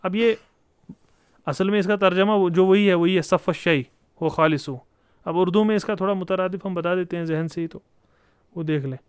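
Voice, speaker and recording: A man's voice: sits high, pauses often, smooth, no echo, clean studio sound. A man giving a classroom lecture on Arabic grammar, explaining step by step and posing rhetorical questions to his students. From Kashmir.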